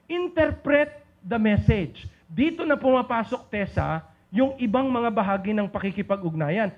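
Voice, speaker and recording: A man with a very high voice teaches a seminar, playful and teasing, calling on people in the room by name. The recording is dull and lo-fi. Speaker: seminar speaker. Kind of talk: lecture on communication to a live group.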